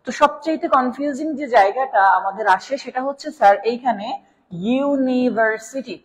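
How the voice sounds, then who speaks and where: A woman's voice: sits high, quick pace. A woman with a Bangladeshi Bengali accent teaching an English grammar class live online. She explains step by step, keeps checking in with listeners, and calls them "sir". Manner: explanatory, checks in with "right?", addresses viewers as "sir". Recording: long reverb.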